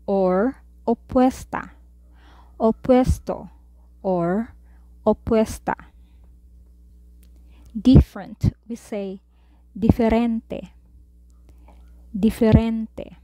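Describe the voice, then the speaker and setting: Woman tutor, slow deliberate drills with each word repeated, dark mellow voice. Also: on the high side, no room sound. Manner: says each word, then repeats it slowly. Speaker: Spanish tutor. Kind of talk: slow vocabulary lesson.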